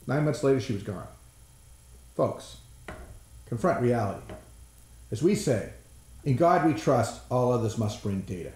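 A man giving an energetic, blunt, folksy presentation on innovation, sometimes swearing for emphasis. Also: medium pitch, measured pace, long pauses, roomy sound. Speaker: innovation trainer.

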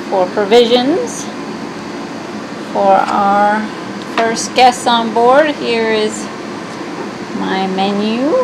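A woman in her forties, a sailing vlog host, chatting upbeat to the camera aboard her boat. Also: mid-range voice. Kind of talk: casual vlog narration. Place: aboard a sailboat, outdoors in the cockpit. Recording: clear background noise.

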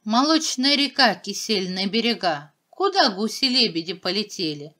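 A woman's voice: mid-range voice, sing-song, normal speed, sharp tone. A woman voicing an anxious little girl in a fairy tale, calling out in a pleading sing-song.

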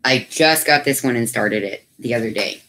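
A woman's voice: a bass voice, moderate pace, a bit bright, slight background noise. A woman hosting a craft channel from home, chatting casually with viewers and cooing to her dogs. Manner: chatty and doting, coos baby talk to her dogs. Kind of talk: casual livestream chat.

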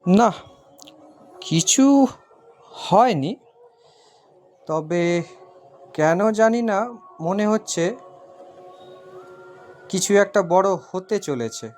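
Play an uneasy young husband with halting, wary speech as an actor voices him. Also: male voice, sits high, animated, soft background music, exaggerated voice.

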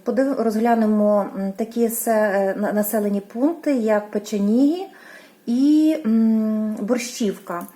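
A Ukrainian woman gives a casual tarot reading, hesitant and full of fillers and restarts, apologizing for her pronunciation of place names. Her voice is fairly high, a little slow, and dark in tone.

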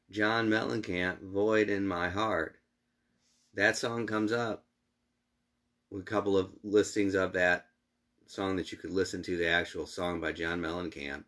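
A middle-aged man chatting casually on a home live stream from his basement, relaxed and rambling with plenty of fillers. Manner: relaxed, rambling, low-key talk with fillers. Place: small basement room at home, seated on a couch. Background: his own acoustic guitar.

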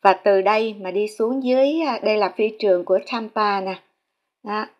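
A real estate vlogger, a Vietnamese woman, walks viewers through a house listing and a map in a casual, polite style with plenty of fillers. Her voice is medium in pitch at a normal speed, and the audio is dull.

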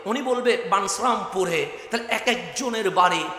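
A man from Chittagong with a Chittagonian accent, preaching a Bangla waz sermon in rhythmic repeated phrases that build to loud shouted climaxes. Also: high voice, normal speed. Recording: echoey hall with long reverb.

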